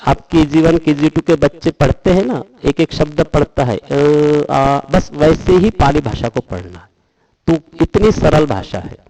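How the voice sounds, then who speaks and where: A middle-aged man giving a Buddhist dhamma talk, explaining Pali verses and chanting them slowly and drawn out. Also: a little high, expressive, a little mellow, rough recording.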